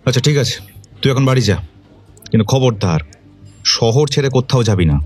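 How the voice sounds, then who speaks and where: An actor playing a commanding police detective who questions witnesses firmly. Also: male voice, mid-range voice, expressive, normal speed, a little mellow, slightly rough, faint music behind. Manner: firm, authoritative questioning.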